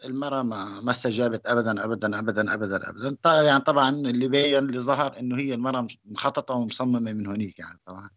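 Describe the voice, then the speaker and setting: Man, Syrian accent, personal testimony, halting delivery, average pitch, muffled recording. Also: fairly bright tone. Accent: Syrian Arabic. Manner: halting, with frequent pauses and restarts. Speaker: interviewee.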